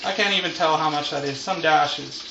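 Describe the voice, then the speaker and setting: Gravelly and moderately paced, this man in his thirties chats casually while hosting a cooking vlog in his home kitchen. His rambling, relaxed stoner vibe comes through roomy, muffled camera audio, with a deep fryer sizzling behind him.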